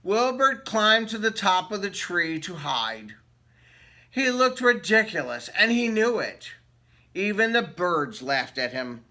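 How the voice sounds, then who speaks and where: With a high, sing-song voice and a slow, sharp delivery, a man reads a picture book to kids. He keeps it playful, pausing for asides that put questions to the children.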